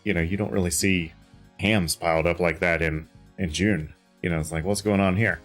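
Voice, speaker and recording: A man's voice: low-pitched, steady tone, moderate pace, fairly bright tone, soft background music. A tired man streaming a game from home, chatting in a rambling way with lots of fillers and restarts. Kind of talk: casual chat while gaming.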